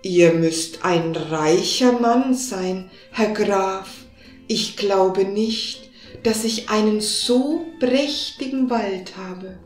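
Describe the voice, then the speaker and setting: A woman voicing a dignified fairy-tale king, speaking slowly and grandly. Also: mid-range voice. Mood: amazed. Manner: slow and dignified. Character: slow, stately, amazed old king. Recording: roomy with faint music behind.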